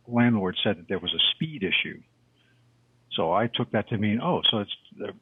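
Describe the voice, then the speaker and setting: A deep-voiced man comes through a thin, phone-like call line. His voice is husky and dry, with no room around it. He chats in a loose, rambling way and corrects himself as he goes. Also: dry recording. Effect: heard over a tinny internet call. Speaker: call-in guest. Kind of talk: casual chat. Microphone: headset on a video-call app. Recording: tinny phone-like call audio.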